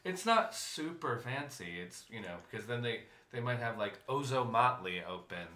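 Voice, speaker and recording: A man hosting a podcast in casual chat, often halting and searching for his words. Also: medium pitch, lively intonation, pushed and bright, echoey room. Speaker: podcast host.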